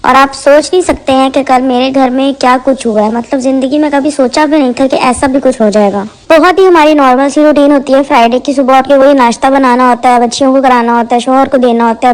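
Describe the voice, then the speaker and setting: Woman vlogger, high bright voice, quick indignant storytelling. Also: rough recording. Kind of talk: casual storytelling.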